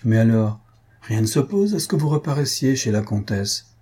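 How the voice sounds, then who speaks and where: A man reading a tipsy jovial baron, husky. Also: mid-range voice, very animated, normal speed, warm tone. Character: tipsy jovial middle-aged male baron.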